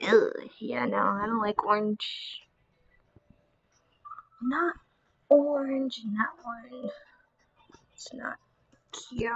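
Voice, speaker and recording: A woman's voice: a little high, drawn-out words, vocal fry, pauses often, husky, dull audio. A woman with a Southern American accent hosting a casual painting vlog, talking to herself as she works and often dropping to a mutter or whisper. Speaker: art channel host.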